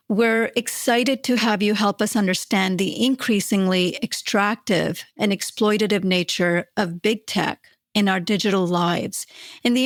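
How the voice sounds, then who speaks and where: A woman hosting a podcast, asking measured, lightly wry interview questions. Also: medium pitch, no room sound, clean studio sound. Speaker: podcast host.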